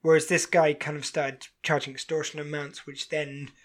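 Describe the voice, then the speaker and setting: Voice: mid-range voice, level tone, normal speed. A podcast co-host in casual chat, talking eagerly about a TV show with frequent restarts. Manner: chatty, enthusiastic, many restarts.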